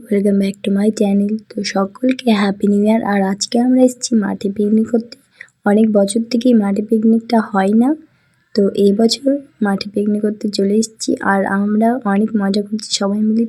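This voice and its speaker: A hoarse woman vlogger narrating a casual video. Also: medium pitch, little pitch movement, a little fast, warm tone.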